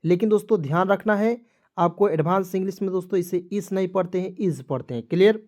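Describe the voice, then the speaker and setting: A man's voice: high voice, fast talker, a little mellow. Man teaching spelling, patient and repetitive. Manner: repetitive, addresses viewers as friends, checks with "ठीक है". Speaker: online English tutor. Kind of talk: step-by-step spelling lesson.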